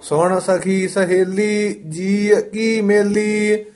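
Male student reciting scripture, very slow and monotone, high voice, faint music behind. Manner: measured, chant-like reading line by line.

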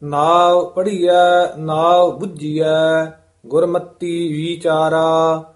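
A man reciting scripture verses in a steady sing-song chant as a student in a lesson. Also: on the high side, drawn-out words.

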